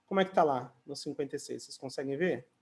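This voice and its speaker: A medium-pitched man from Brazil teaches English in an online conversation class. He keeps things chatty, fills gaps with "né" and "ó", and sings or drags out his English example sentences.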